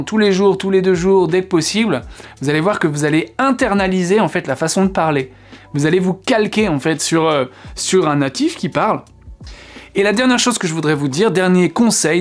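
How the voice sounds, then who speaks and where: A man giving an explanatory video lesson as an English teacher, patiently repeating words to show how they sound. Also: a little high.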